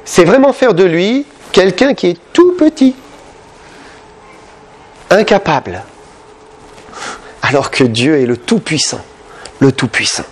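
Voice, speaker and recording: Male preacher, somewhat high voice, animated sermon delivery. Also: takes it slowly, long pauses. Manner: impassioned, questioning the listeners, big pitch swings.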